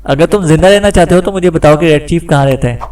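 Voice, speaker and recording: Brief: narrator voicing a sharp male agent, cold and in control, set back from the mic. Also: on the high side, quick pace, distant mic, natural voice. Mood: cool. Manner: cool, commanding.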